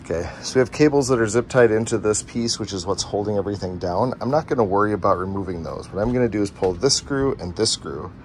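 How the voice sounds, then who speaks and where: Speaking fast with hardly any pauses, a lowish-voiced man runs through a casual how-to repair, step by step and informally. The clip comes from a handheld camera's mic in his noisy basement furnace room at home, so background noise is audible.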